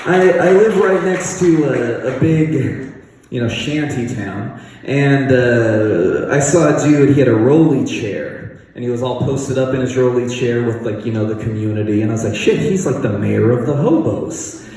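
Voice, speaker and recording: A man doing a stand-up set at an open mic, rambling and deadpan, jumping high in pitch for punchlines. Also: normal speed, very echoey, long reverb tail, distant mic, slight background noise, poor audio. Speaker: stand-up comedian. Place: comedy bar open mic.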